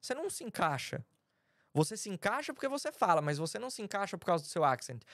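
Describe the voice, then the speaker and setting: A man from Brazil, a podcast guest, telling stories in a casual, animated, slangy way. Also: high-pitched, quick pace, no echo, studio quality. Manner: animated, acts out quoted dialogue, slangy. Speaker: podcast guest, design lead. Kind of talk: casual storytelling chat.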